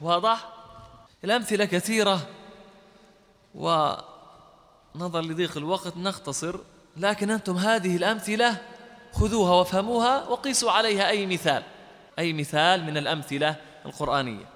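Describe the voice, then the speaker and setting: A man's voice: high voice, brisk, long pauses, fairly bright tone, in a large hall. A man teaching a Quran recitation lesson, explaining terms step by step and quizzing his listeners with questions. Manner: chants short verse quotations in lesson. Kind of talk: classroom lecture.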